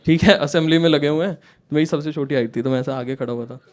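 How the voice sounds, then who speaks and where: A man's voice: on the high side, quick pace, darkish tone, slight background noise. Chatty young man doing stand-up. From India. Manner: chatty, keeps checking in with the crowd, acts out scenes. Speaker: stand-up comedian. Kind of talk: stand-up storytelling. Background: audience laughter.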